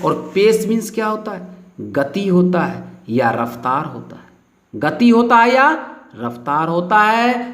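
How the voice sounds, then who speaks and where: A man teaching English vocabulary, drilling each word by repeating it and quizzing students with questions. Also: high-pitched. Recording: echoey room.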